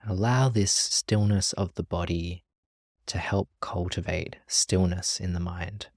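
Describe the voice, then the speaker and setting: A meditation teacher with a low voice guides a practice gently, calmly, and in a measured way, leaving long pauses. The recording is dry and studio quality.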